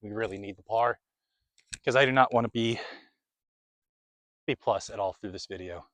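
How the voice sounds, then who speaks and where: Here the disc golfer speaks in a lowish, fairly bright voice at a moderate pace. He's a young man outdoors, chatting his way through the round and a bit breathless, offering easygoing play-by-play between throws.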